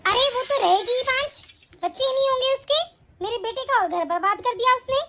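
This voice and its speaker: A spiteful, bossy mother-in-law, voiced by a woman in an animated family drama. Her voice sits very high and sounds bright and forceful. She taunts and scolds. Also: brisk, exaggerated voice.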